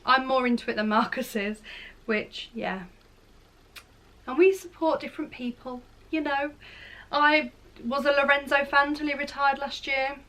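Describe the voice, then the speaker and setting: A woman's voice: high-pitched, steady tone, measured pace, pushed and bright. A woman of thirty chatting casually to camera in a Q&A vlog, rambling and correcting herself as she goes. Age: 30s. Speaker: beauty and lifestyle vlogger.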